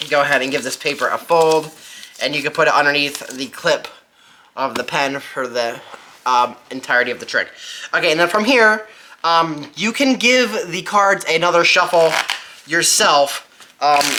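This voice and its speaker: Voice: medium pitch, moderate pace, sharp tone, a little hiss or hum, poor audio. A presenter giving a casual, step-by-step magic tutorial, informally thinking aloud while demonstrating by hand.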